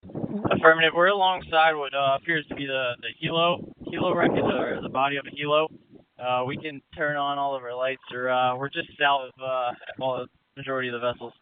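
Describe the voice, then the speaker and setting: A man on a Coast Guard boat, reporting in a matter-of-fact way with filler pauses over marine radio. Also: medium pitch, steady tone, noisy background. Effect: marine radio transmission. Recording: narrow tinny marine radio channel.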